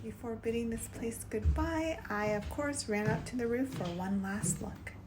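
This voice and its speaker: A woman from the States narrating her travel vlog, relaxed and enthusiastic, sometimes whispering. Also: fairly high pitch, unhurried, noisy background. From United States. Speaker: travel vlogger. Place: outdoors on a windy island and in an airport.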